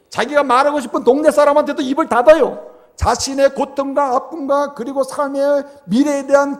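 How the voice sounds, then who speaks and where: High, gravelly preaching man in a hall. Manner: emphatic, animated preaching with frequent "예?" asides to the congregation. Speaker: pastor. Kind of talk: sermon. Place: church sanctuary.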